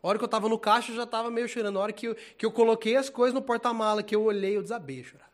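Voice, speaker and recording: A man preaching in a loose, chatty way, full of slang and quick laughs. His voice sits high for a man. He swings from near-whispered asides to loud, excited bursts. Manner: casual, animated, slangy preaching, laughs often. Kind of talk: informal sermon.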